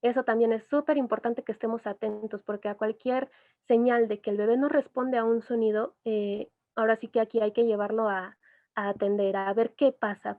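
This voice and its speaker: Woman psychologist, fairly high voice, patient explainer, thin phone-line audio. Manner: patient, explains with asides and imitated baby sounds. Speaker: educational psychologist. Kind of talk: explanatory online talk.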